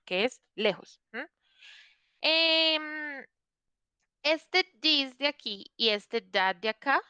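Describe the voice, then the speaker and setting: A woman's voice: a little high, sharp tone, smooth, dry recording. A woman teaching an online English class, explaining patiently and checking in often with her students.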